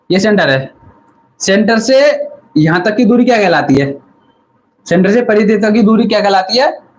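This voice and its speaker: A man with a fairly high voice teaches a physics class during an online stream. He asks a question, then answers it himself and says the term again for the viewers to note down. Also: slight background noise, rough recording. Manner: repeats key terms and quizzes the viewers. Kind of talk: live online lesson.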